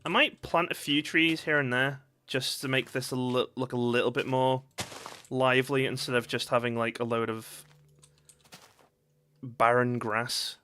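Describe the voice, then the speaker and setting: A man's voice: mid-range voice, steady tone, measured pace, pushed and bright, clear, resonant tone. A man streaming a survival game, chatting to viewers and yelping at sudden scares. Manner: jumpy, reacts with sudden yelps and chatty asides to chat. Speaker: gaming streamer. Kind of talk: live gameplay commentary.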